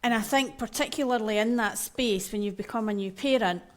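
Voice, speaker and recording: A woman's voice: a little high, brisk. A woman in her thirties with a Scottish accent, talking candidly as a podcast guest and laughing easily. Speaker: podcast guest, maternal mental health coach. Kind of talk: conversational interview.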